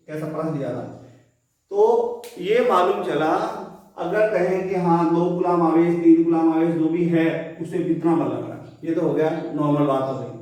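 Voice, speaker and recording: A man's voice: on the high side, a little mellow. Male physics teacher in an echoey room, picked up from a distance. Lecture style, drags out key terms. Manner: asks the class questions and answers them himself; slows down and stretches out key phrases. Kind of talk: classroom lecture.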